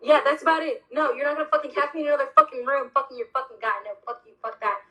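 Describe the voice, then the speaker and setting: A young woman hosting a casual chat, telling a story in an animated, emphatic and heavily profane way. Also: high-pitched, rapid-fire, rough recording. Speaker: host.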